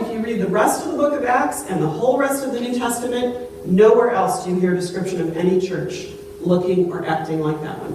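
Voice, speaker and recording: Pastor at the pulpit mic, chatty storytelling sermon, booming church echo, set back from the mic. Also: darkish tone. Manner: conversational storytelling, asks the congregation questions. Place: church sanctuary. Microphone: pulpit microphone. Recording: very echoey church, distant mic, faint hum.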